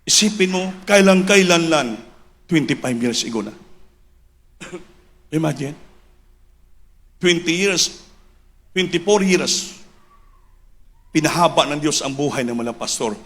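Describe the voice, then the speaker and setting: A man preaching a sermon, switching between Tagalog and English and building to emphatic shouts. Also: a little high, lively intonation, slow pace, pauses often.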